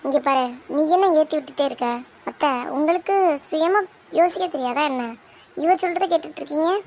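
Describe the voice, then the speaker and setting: In a cartoon soap drama, a woman voices a young bride-to-be who stands up for her sister, her voice high, clear, brisk and a little mellow. She answers back sharply with firm, cutting defiance, unafraid of her elders. Faint noise sits in the background.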